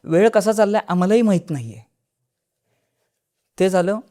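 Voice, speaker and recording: Guy on a podcast telling his spooky story, voice a bit on the high side, chatty, stops and restarts, does the voices of people in it. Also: animated, moderate pace, mellow. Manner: vivid, acts out dialogue; conversational, with restarts. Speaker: podcast guest. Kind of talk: first-person horror storytelling.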